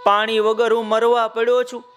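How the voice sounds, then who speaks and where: A man's voice: very high-pitched, completely flat delivery, normal speed, a bit bright, faint music behind, pitched above the performer's own voice. A man voicing a desperate male crocodile in a children's story, begging a farmer for help in a wheedling tone. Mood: pleading. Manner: wheedling, begging and swearing promises. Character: desperate pleading male crocodile stranded in dried pond.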